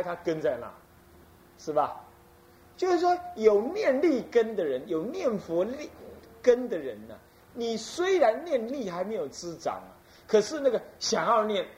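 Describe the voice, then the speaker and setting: A man's voice: high-pitched, darkish tone. A man from Taiwan, an abbot giving a folksy Buddhist sermon and demonstrating chanting.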